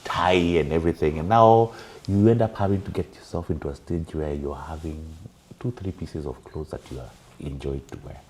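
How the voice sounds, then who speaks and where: A man's voice: rumbling low, normal speed, darkish tone. A man, a guest in a casual panel chat, telling reflective stories with fillers.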